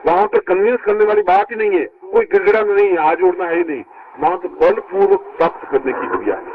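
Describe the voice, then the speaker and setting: A man giving a spiritual discourse to his disciples, heard from an old, worn tape, emphatic and leaping high when he stresses a point. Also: quick pace, phone-quality sound, noisy background. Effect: old worn tape recording. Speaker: spiritual teacher.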